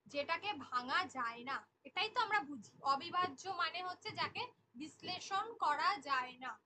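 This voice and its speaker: A woman's voice: high-pitched, bright, forceful tone, slight background noise, rough recording. A woman teaching an online exam-prep class, repeating each key definition and asking the class questions. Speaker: Bengali teacher.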